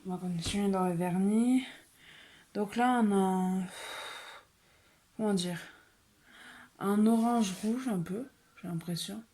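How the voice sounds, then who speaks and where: A woman vlogger chatting casually through a beauty haul, soft-spoken and often slipping into a whisper. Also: medium pitch, slow, pauses often. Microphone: phone.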